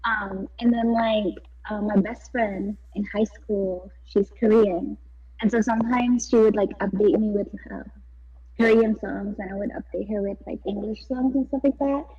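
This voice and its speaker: A woman's voice: mid-range voice, fairly even intonation, moderate pace, dark tone, slightly rough. A young woman from Thailand, chatting casually on a podcast and rambling giggly through a story with many fillers. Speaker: podcast co-host. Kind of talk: casual chat. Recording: dull, distant mic.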